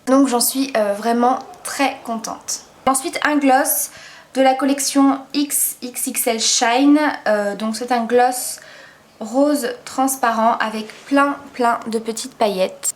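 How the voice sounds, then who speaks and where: A woman's voice: on the high side, fairly even intonation, slow, slight background noise. A woman giving a casual makeup product review as a beauty vlogger, chatty and enthusiastic, with lots of hesitant fillers. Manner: enthusiastic, gushing about products.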